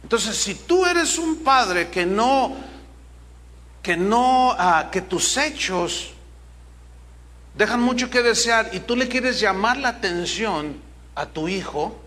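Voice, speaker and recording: A man's voice: high-pitched, lively intonation, slow pace, fairly bright tone. A middle-aged man preaching a sermon as pastor, emphatic and full of rhetorical questions.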